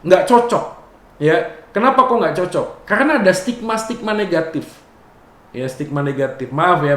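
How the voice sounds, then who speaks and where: Man, high voice, casual Bible exposition sermon, joking, adds "ya" often, roomy echo. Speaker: preacher.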